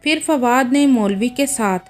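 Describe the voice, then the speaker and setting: A woman storyteller reading a moral story aloud in a steady, measured way. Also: fairly high pitch, soft background music.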